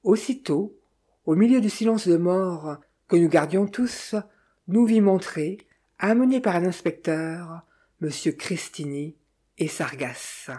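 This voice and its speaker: Low, husky woman narrating. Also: lively intonation, slow pace, mellow. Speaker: audiobook narrator. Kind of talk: scripted narration of a detective novel.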